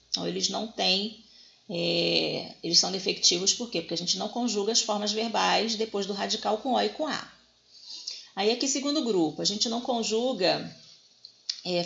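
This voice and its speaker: A woman's voice: medium pitch, gravelly, fairly bright tone. A woman with a Brazilian Portuguese accent teaching a grammar lesson, explaining step by step and often checking in with her students. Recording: dull lo-fi recording.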